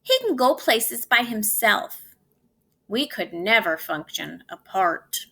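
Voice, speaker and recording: An envious piece of storybook cutlery, acted by a woman reader. The voice is bright and lively, stressing its admiration earnestly. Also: medium pitch, takes it slowly, gravelly, full character voice. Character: envious, admiring cutlery friends: knife, fork, chopsticks. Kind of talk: children's storybook read-aloud.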